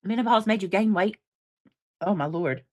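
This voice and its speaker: A woman's voice: medium pitch, normal speed, darkish tone, dry recording. Woman, 40s, livestream host, chatty and teasing, dry close mic. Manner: chatty, teasing, chewing while talking. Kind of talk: casual livestream chat reading comments.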